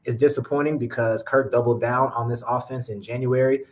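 A young man, a sports reporter, giving measured postgame analysis on a podcast over a video call. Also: mid-range voice, low-quality recording. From Georgia, US. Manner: measured, explanatory, steady. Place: small indoor room. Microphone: webcam on a video call.

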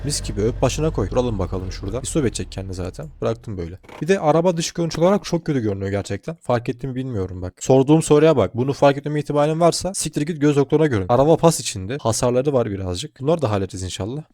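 A man rattling off casual gameplay commentary at a quick clip, his voice dark and mellow. He chats to his viewers as if they sit beside him, swearing freely as he goes. It sounds like a desk mic set up for a gaming session. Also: medium pitch, lively intonation. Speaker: gaming channel host. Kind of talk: casual let's-play commentary.

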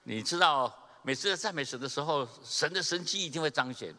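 A male pastor preaches in a lively, storytelling way, chuckling and acting out the people in his stories. His voice is bright and forceful, and it rings with the long reverb of a church hall during a Sunday service. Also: on the high side, brisk. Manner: animated storyteller, chuckles, acts out quoted people. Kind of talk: sermon with humorous storytelling.

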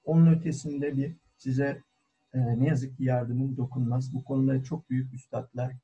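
A man who is a cultural historian giving a formal online talk, deliberate and full of hesitant fillers, heard over call audio. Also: medium pitch, little pitch movement, dark tone, breathy edge, dull audio. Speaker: guest lecturer, cultural historian. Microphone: video call.

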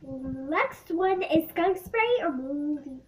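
Kid girl vlogger, high bright voice, giggly, casual challenge chat. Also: expressive, slow. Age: child. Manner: giggly, counting down playfully.

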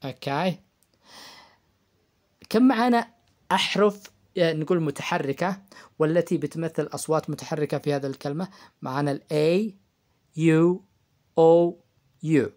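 A man teaching a high-school grammar lesson. He poses questions to the class, answers them himself and repeats key terms. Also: moderate pace, pauses often, darkish tone. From Yemen. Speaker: English teacher.

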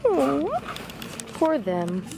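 A woman's voice: sits high, huge pitch swings, drawn-out words, vocal fry, noisy background. A young woman vlogging casually in a large supermarket on a handheld camera, chatty and easily grossed out. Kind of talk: casual vlog chat.

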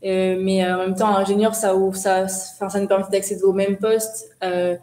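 Woman in her twenties, halting answers, warm tone, echoey webcam sound. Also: medium pitch, little pitch movement. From France. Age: 20s. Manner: hesitant, many fillers and restarts. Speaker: guest entrepreneur. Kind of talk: casual interview answers. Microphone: shared webcam on video call.

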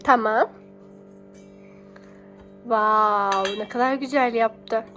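While baking, a young mother coaxes her small child casually and affectionately, using pet names and repeated phrases. Her slightly high voice is steady and sharp in tone with drawn-out words, and soft music plays in the background.

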